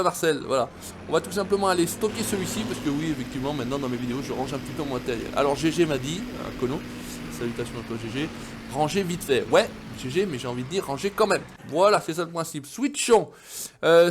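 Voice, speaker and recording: A man's voice: a little high, background noise. Chatty French-speaking man narrating gameplay. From France. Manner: chatty, swears casually, talks to his viewers. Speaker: gaming video host. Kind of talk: casual gameplay commentary.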